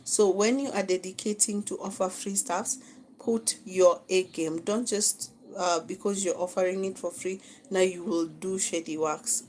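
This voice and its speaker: A woman's voice: fairly low pitch, fairly even intonation, measured pace, a little mellow, a little hiss or hum, poor audio. A woman with a Kenyan accent teaching a live online masterclass on social media management, coaching her viewers, repeating phrases and checking in with "okay?". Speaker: social media marketing instructor.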